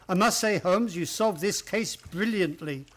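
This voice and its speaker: An actor playing a genial old-school gentleman doctor in a radio play, hearty, exclamatory and old-fashioned. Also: high-pitched, takes it slowly. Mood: hearty, admiring.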